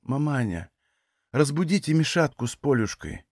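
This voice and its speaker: A dying young peasant woman speaks in a faint, breathy, weak voice, as a man reading the story puts her on. The recording is dry and close. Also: mid-range voice, big pitch swings, slow, no echo.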